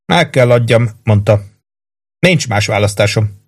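A man's voice: on the low side, animated. Man doing a sullen suspicious soldier, reproachful, audiobook. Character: gloomy suspicious male soldier card player. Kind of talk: audiobook character voice.

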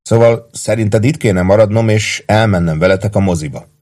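A man's voice: fairly low pitch, darkish tone, voice pushed up, lightly acted. A man reading an audiobook, voicing a young male soldier who teases his friend. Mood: teasing. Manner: mocking, teasing.

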